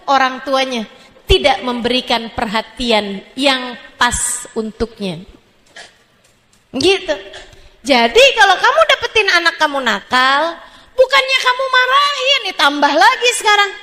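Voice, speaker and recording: A woman preacher giving a sermon, playfully acting out questions from her listeners and answering them, and dropping into slow, hushed tones for prayer. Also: extremely high pitch, long reverb tail. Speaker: Islamic preacher.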